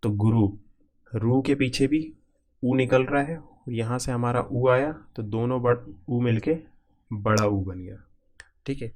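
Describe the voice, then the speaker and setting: A man's voice: medium pitch, steady tone, a little mellow. A man teaching a grammar lesson for exam students, breaking words into parts step by step and often checking in with the class. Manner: repetitive, keeps checking in with "ठीक है"; spells out word parts slowly, piece by piece.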